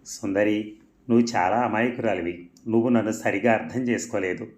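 Man doing a smug heartless young village guy, cold and mocking, low voice, echoey. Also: steady tone, fairly quick, lightly acted. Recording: roomy echo.

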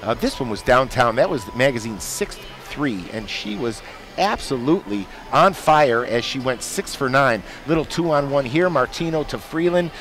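A man giving color commentary after a basketball game, folksy and animated in his analysis. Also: mid-range voice, moderate pace. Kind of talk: postgame sports analysis. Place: basketball arena broadcast booth.

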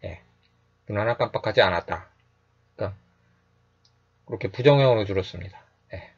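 A man teaching English phrases in a calm, explanatory lecture, repeating each phrase slowly and often adding a short "yes". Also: on the low side, vocal fry, breathy edge, highs cut off.

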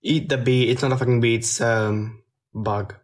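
A teenage boy chats casually on a phone livestream from a small room at night, answering viewers' questions with the phone held at arm's length. His voice is medium-pitched, steady in tone and moderate in pace.

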